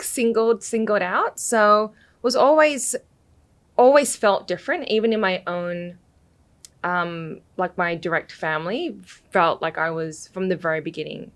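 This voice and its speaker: Her voice sits on the low side with a bit of brightness. She's a podcast guest with an Australian accent tinged by British, keeping the interview chat casual, laughing a lot and saying "you know" frequently.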